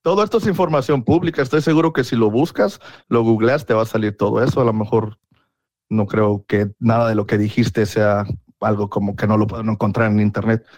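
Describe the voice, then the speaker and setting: A man's voice: fairly low pitch, steady tone, fairly quick, a little mellow, no room sound. A man chatting on a podcast, blunt and laid-back, with plenty of slang. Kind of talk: casual chat.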